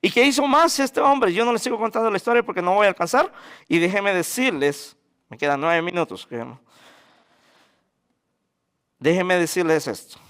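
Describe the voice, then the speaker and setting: A man preaching a sermon, asking the congregation questions and answering them himself, rising sharply in pitch when he quotes scripture. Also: normal speed, pauses often, clean tone. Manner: animated, jumps in pitch when quoting scripture. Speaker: pastor.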